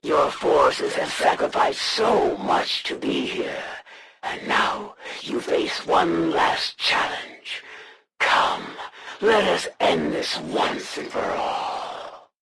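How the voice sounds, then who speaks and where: An actor playing a proud, menacing alien assassin, a zealous game villain who speaks with haughty, formal deliberation in a gravelly voice. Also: mid-range voice, huge pitch swings, very slow, a bit bright, exaggerated voice. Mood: grave, imperious. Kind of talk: theatrical video game villain voice lines.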